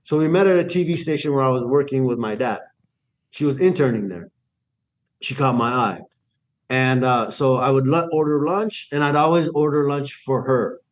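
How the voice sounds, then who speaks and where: In a casual interview, an Iranian man serves as the guest and tells his life story. His mid-range voice moves at a moderate pace, and he speaks animatedly, restarting sentences and acting out the dialogue he quotes. The sound is lo-fi.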